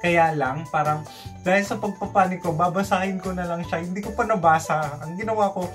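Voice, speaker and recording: A young man with a Filipino accent telling a story casually in a vlog, in an animated way, acting out bits of dialogue. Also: sits high, a little fast, soft background music. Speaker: vlogger recounting call center training. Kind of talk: casual storytelling vlog, mixing Tagalog and English.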